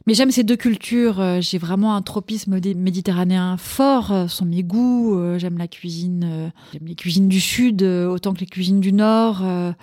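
A woman's voice: lowish voice, normal speed, few pauses, no echo, clean studio sound. A middle-aged woman from Sweden, a podcast guest and cookbook author, chatting casually and with enthusiasm. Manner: enthusiastic, animated storytelling. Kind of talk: casual chat.

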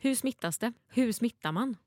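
A woman's voice: a little high, expressive, darkish tone, no echo, clean studio sound. A middle-aged woman from Småland, co-hosting a podcast in a casual, informal and wordy chatting style. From Småland, Sweden. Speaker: podcast co-host.

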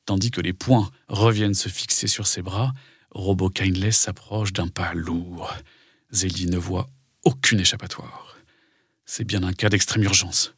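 Very husky, low male storyteller. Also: steady tone, measured pace, a bit bright, dry recording, studio quality. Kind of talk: scripted dramatic children's story narration.

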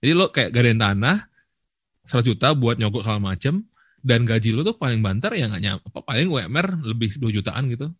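A young man, co-hosting a podcast in relaxed, rambling chat mixed with English phrases. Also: mid-range voice, quick pace, slightly rough, dry recording. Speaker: podcast co-host. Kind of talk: casual chat.

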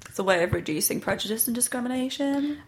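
A woman with vocal fry, bantering casually as a podcast co-host. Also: a little high, animated, fast talker.

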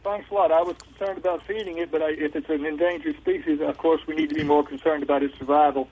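A man in his seventies calls a radio show on a landline, his voice fairly high and muffled by the line. He talks casually and plainly, feeling his way through halting phrases. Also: fairly even intonation, a little mellow, breathy edge. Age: 70s. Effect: landline telephone. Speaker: radio phone-in caller. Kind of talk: casual conversation on a call-in show. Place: on a landline telephone. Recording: muffled landline phone call.

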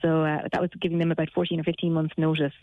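A woman's voice: low-pitched, flat delivery, racing, dry recording, phone-quality sound. A woman in her thirties with a west of Ireland accent, chatting matter-of-factly as a caller on a radio phone-in. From Galway, Ireland. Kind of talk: casual personal account on talk radio.

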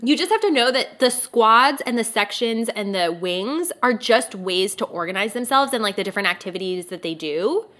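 A young woman co-hosting a casual book podcast, her voice a touch higher than average. She explains things patiently and earnestly, and her voice drops soft and low when she muses aloud. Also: expressive, moderate pace, few pauses. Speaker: podcast co-host.

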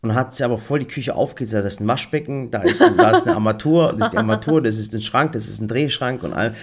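Teasing, animated man podcast co-host. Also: medium pitch, fast talker. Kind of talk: casual podcast chat.

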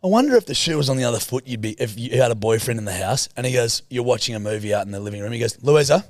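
A man's voice: medium pitch, racing, dry recording, studio quality. A man with a broad Australian accent chatting casually as a podcast co-host, telling stories in a blunt, sweary, slangy and exasperated way. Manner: animated, exasperated storytelling. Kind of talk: casual comic chat and storytelling.

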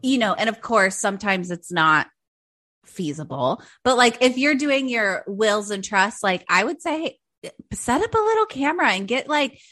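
A woman's voice: a little high, animated, normal speed, sharp tone. A woman in her early thirties co-hosting a podcast, chatting casually in a candid, playful way. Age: 30s. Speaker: podcast co-host. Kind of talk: casual chat.

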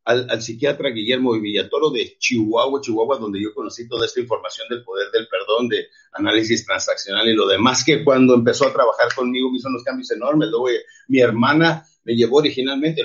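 Speaking in a husky, mid-range voice with a fairly bright tone, a middle-aged Mexican man delivers a forceful, sermon-like motivational talk about forgiveness. He keeps addressing his audience as "campeones," and the audio is dull and lo-fi.

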